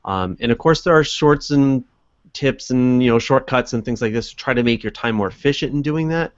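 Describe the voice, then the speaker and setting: A man's voice: mid-range voice, brisk, no echo. A man gives earnest advice as a guest on a live web show. He starts and restarts, with many fillers. The audio is dry and dull, as on a lo-fi video call. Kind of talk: casual advice chat.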